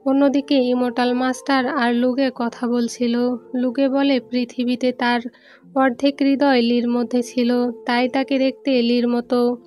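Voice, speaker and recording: A woman narrating a film recap in a steady, even storytelling read, with soft music underneath. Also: fairly high pitch, unhurried. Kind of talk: scripted movie recap narration.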